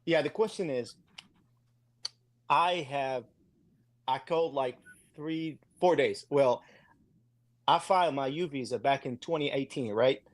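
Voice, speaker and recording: A man's voice: mid-range voice, unhurried, pauses often. Man, Arabic accent, call-in guest, casual account, hesitant and repetitive phrasing, polite. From Saudi Arabia. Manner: hesitant, repetitive, polite, addressing listener as brother. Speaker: caller.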